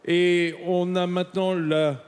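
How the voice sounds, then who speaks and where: A man's voice: sits high, level tone, a little slow, smooth. A man commentating a live pastry contest, hesitant and full of fillers. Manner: hesitant, many fillers, switching to English. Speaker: event commentator. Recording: long hall reverb.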